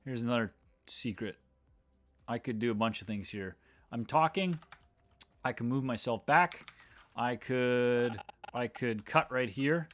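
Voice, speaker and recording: A man talks casually into a desk microphone as he edits video on a livestream. His voice sits at an ordinary middle pitch. He thinks aloud, often trailing off and restarting his sentences. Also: a little slow, pauses often. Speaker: video editor. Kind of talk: casual livestream talk while editing.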